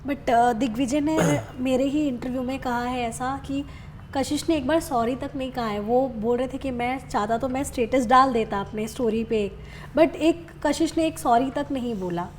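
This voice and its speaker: High-voiced woman interviewer. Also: moderate pace, a little hiss or hum. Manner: frequent short backchannels, mixes in English words. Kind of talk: entertainment interview.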